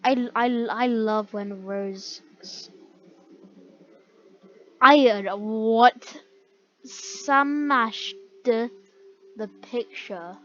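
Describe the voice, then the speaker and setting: A woman's voice: a little high, drawn-out words, long pauses. A woman casually reading comments aloud and reacting with laughter and disbelieving questions. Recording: dull lo-fi mic, faint background hiss.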